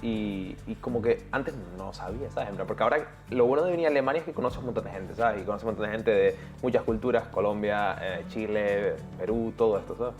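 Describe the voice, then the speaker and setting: A young man from Tenerife with a Canarian Spanish accent, talking as an interview guest in a relaxed, chatty way. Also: lowish voice, fast talker, hardly any pauses, faint music behind. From Tenerife, Canary Islands. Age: young adult. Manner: relaxed, chatty, peppers speech with "¿sabes?" and "tío". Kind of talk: casual conversational interview.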